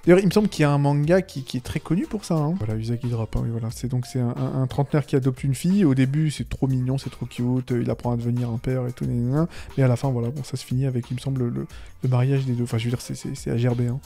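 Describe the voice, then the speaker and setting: A man's voice: mid-range voice, fairly even intonation, very fast, vocal fry, warm tone. A young man giving casual, sarcastic commentary on anime, laughing often and trailing off into fillers and restarts.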